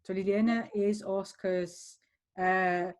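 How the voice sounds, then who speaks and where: A woman hosting a casual video call with a coffee partner, talking in a friendly, brisk way. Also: mid-range voice, fairly even intonation, a little mellow. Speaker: host.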